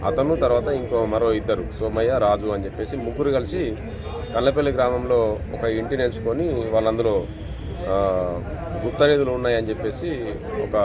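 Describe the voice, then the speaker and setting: A police officer, a man, giving a plain, halting official account of a case to reporters outside a hospital. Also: fairly low pitch, a crowd in the background. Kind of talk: on-the-spot statement to reporters. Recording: noisy outdoor street recording.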